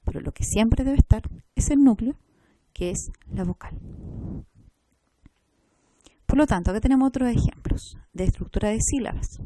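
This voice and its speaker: Mellow-voiced woman teaching. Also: a little high, moderate pace, long pauses, slight background noise. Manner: explains step by step, checks with "¿ya?". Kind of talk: recorded class lecture.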